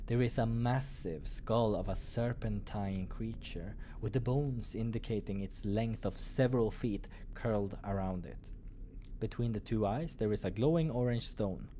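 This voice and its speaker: A man with a fairly low voice narrates a visual novel playthrough. He reads expressively and drops in casual asides, with music playing behind him. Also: unhurried, warm tone, slight background noise. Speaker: gaming playthrough host and reader.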